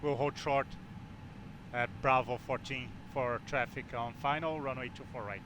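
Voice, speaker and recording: A man playing a flight simulator, making pilot radio calls in aviation phraseology, halting with frequent fillers between phrases. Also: mid-range voice. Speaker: flight simulator pilot on online air traffic network. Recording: steady background noise.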